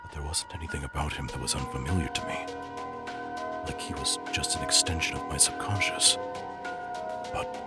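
In a dramatic comic-dub monologue, a man voices a melancholy, lonely skeleton scientist living in exile, brooding formally and musing slowly toward a troubled realization. His bass voice is breathy and nearly whispered, with loud music playing under it.

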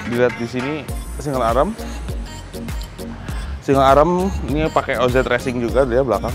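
A young man hosting a casual motorcycle walkaround, excitable and slangy, talking outdoors in a garage courtyard on a lapel mic. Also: medium pitch, moderate pace, over music. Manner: excitable, slangy, thinking aloud. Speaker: motorcycle vlog host.

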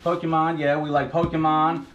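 A man hosts a casual family unboxing vlog, joking and rambling as he gets excited. He sits at a table at home, and the room is echoey with steady noise behind him. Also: fairly high pitch, normal speed, dull audio.

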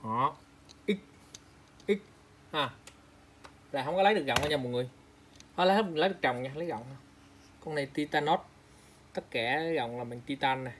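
A man's voice: medium pitch, fairly quick, long pauses, a little hiss or hum. A man selling used eyeglass frames online, chatting casually as he shows each pair and reads out prices and sizes. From Vietnam. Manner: chatty, repeats prices and specs, calls out to viewers. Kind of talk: casual product showcase.

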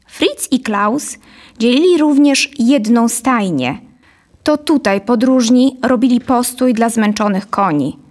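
A woman in her thirties narrates a scripted story, close to a studio condenser mic on a boom in a small, dark indoor studio. Her voice is on the high side and a little mellow, and she reads at a slow pace.

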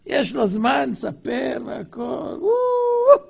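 This rabbi's religious lecture is fiery and scornful, full of rhetorical questions, alternating loud bursts with low murmurs. His voice shows huge pitch swings and vocal fry.

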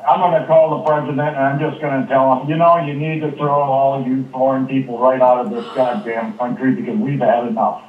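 An older maintenance man speaking bluntly and gruffly in a phone conversation. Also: mid-range voice, little pitch movement, brisk, few pauses, distant mic. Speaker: maintenance worker. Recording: tinny phone line, roomy noisy playback.

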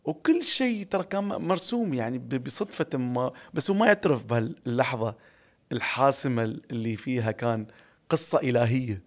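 A man in his forties with an Emirati Arabic accent, a podcast guest telling stories in an animated, reflective way, recorded close on a studio mic. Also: mid-range voice, fairly quick. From Ras Al Khaimah, UAE. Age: 40s. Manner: animated, gestures a lot, laughs often, reflective. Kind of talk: casual storytelling interview. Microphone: studio boom mic close up.

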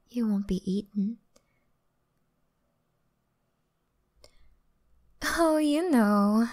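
Slow, soft-spoken vampire woman, acted out. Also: a little high, natural voice. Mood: calm, matter-of-fact. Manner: teasing, softly boastful, unhurried. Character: flirtatious, gentle, predatory female vampire. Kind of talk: ASMR role-play.

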